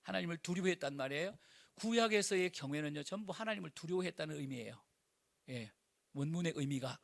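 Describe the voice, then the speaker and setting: A middle-aged male pastor preaching a sermon in an animated, colloquial way, full of rhetorical questions. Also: on the high side, brisk, creaky.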